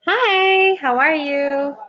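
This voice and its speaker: A woman with a South African accent, tutoring English in a chatty, unhurried conversation over a video call. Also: high voice. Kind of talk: casual conversation practice. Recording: muffled lo-fi call audio.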